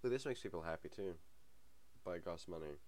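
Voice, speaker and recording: A young gaming channel host with a cold gives casual let's-play commentary at home, his low, deep voice broken by sniffles. He rambles, hesitates with lots of ums, and chuckles to himself now and then. His intonation is lively, his pace a little fast, his tone a little mellow.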